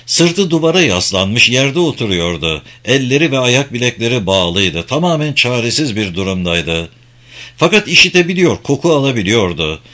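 Male audiobook narrator, dramatic storytelling with a lively, varied pitch.

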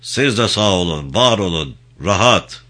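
A man voicing a stern, domineering male guerrilla commander who shouts orders and slogans at his fighters in an audiobook. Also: low voice, lively intonation, unhurried, exaggerated voice. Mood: commanding.

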